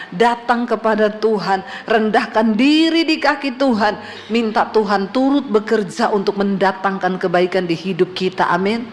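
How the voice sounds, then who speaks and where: A woman's voice: medium pitch, a little hiss or hum. A middle-aged woman pastor preaching a sermon, telling stories quoted voices and humor, traces of speech.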